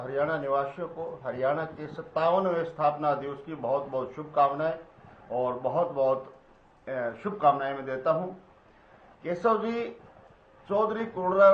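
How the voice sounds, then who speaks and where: A man from Haryana speaking as a party panelist in a political debate, formal and deliberate as he lists his points, his remote line full of cave-like echo and doubling. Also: fairly high pitch, slight background noise. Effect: heavy cave-like echo and doubling on his remote audio line. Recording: echoey, muffled remote audio feed.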